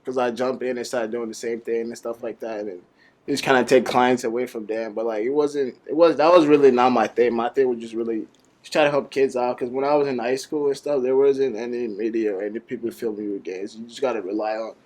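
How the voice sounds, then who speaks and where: A young man from Nigeria answers interview questions in an easygoing, halting way. He speaks at a middle pitch and fills pauses with "like" and "you know." His delivery is laid-back and unhurried. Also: steady tone, darkish tone. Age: young adult. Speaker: guest, college basketball player and content creator. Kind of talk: casual interview chat.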